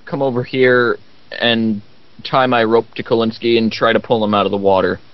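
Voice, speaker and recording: A man's voice: mid-range voice, little pitch movement, normal speed, no echo. A man taking part in a tabletop role-playing game, talking casually through his moves and advice. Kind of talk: casual chat. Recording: dull lo-fi voice-chat audio.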